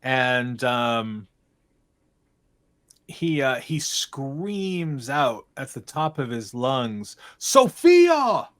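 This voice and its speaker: Man, mid pitch, game master, narrating a tabletop game, halting, lots of ums. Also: fairly bright tone. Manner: halting, full of ums and uhs.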